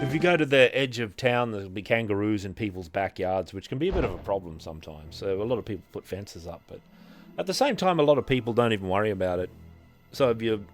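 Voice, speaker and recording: A man with an Australian accent chatting casually and rambling with jokes while live-streaming a game. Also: on the low side. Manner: rambling, joking, chatting with viewers.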